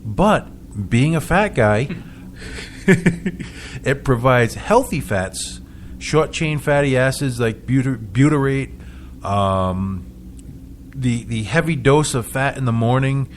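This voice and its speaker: A man's voice: medium pitch, animated, slow pace, pauses often, a little hiss or hum. A man hosting a casual local radio talk show, chatting with frequent stumbling restarts and chuckles.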